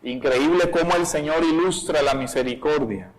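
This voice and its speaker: A man's voice: fairly high pitch, normal speed, rough recording. A man preaching an expository sermon as pastor of a church, reading scripture aloud as he goes. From Colombia.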